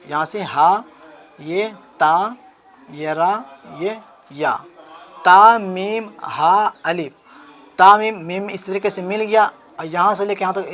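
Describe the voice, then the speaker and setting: Male teacher spelling letters slowly. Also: high voice, a bit bright. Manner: spells out letters slowly, repeats words, asks and answers his own questions. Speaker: online Urdu writing teacher. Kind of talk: step-by-step handwriting lesson. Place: home, with beggars on a loudspeaker outside.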